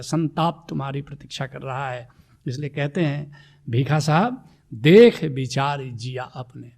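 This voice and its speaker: High, gravelly man preaching a sermon. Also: darkish tone. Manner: recites verses slowly then explains them urgently; exhorting, rhetorical questions to listeners. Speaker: spiritual teacher. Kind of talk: sermon on devotional verses.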